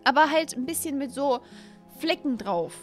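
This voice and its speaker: Speaking at a moderate pace, this young woman hosts a YouTube gaming channel and narrates her own play with high-pitched, bubbly excitement, full of exclamations, repeated phrases and English catchphrases. Recorded indoors in a small home room on a close-up desk mic, with soft music in the background.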